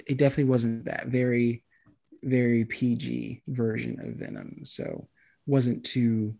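A man's voice: mid-range voice, vocal fry, mellow. A man chatting casually about a film he just saw, hesitant and meandering, with many ums and restarts. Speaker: movie review co-host. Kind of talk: casual chat.

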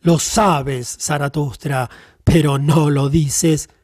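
Stern voiceless spirit put on by a man, slow solemn commanding, dry close sound, audiobook. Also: fairly high pitch, fairly even intonation, a little mellow, no room sound. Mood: stern, admonishing. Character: voiceless whispering spirit of the silent hour, stern.

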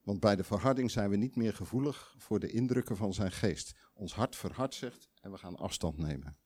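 A man's voice: on the low side, normal speed, a little mellow. A man preaching a sermon in a conversational, emphatic way, putting questions to the audience and acting out quoted voices.

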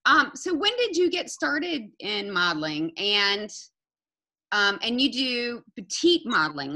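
A woman's voice: mid-range voice, sharp tone. A woman hosting a casual interview who talks in an effusive way, with frequent exclamations. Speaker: interview host, model agent.

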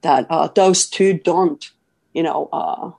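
A woman's voice: deep voice, slow pace, creaky, a little mellow, breathy edge. A woman, a guest talking earnestly in a casual interview, with many fillers and restarts. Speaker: podcast guest, author.

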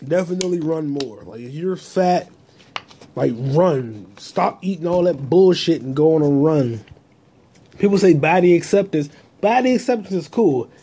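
A man's voice: fairly high pitch, expressive, moderate pace, mellow, a little hiss or hum. A man hosting a solo podcast, talking in a crude, rambling, profane way into a phone held in his hand. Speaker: podcast host. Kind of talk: casual solo monologue.

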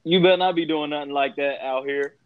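A man's voice: a little high, fairly even intonation, brisk, smooth, no room sound. A young man bantering casually as a co-host, with loose, slangy bro talk, in a slightly dull, dry recording.

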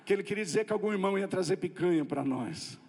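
Brazilian male preacher, high voice, comic storyteller, echoing church hall. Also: fast. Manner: lively storytelling with comic asides. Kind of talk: humorous testimony sermon.

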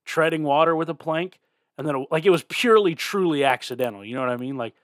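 A man's voice: a little high, quick pace, no echo, studio quality. A young man hosting a casual podcast over a call, rambling, swearing freely and chuckling. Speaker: podcast host.

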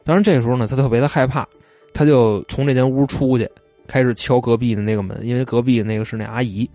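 A man's voice: mid-range voice, fairly even intonation, fast talker, dark tone, no echo. Man, casual storyteller, dry close mic, faint music underneath. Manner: chatty, retells stories with loose asides.

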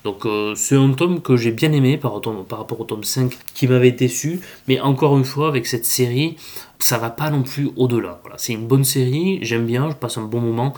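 Male podcast host, casual review delivery, halting and chatty, mid-range voice. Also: mid-range voice, a little mellow. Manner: hesitant, lots of filler sounds, chatty.

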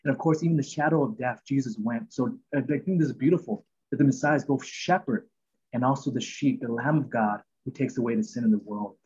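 A man's voice: medium pitch, a little fast, darkish tone, breathy edge, dull audio. A man hosting a podcast, talking through Bible passages in an earnest, rambling way with many fillers and restarts. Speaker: podcast host. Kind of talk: casual Bible teaching chat.

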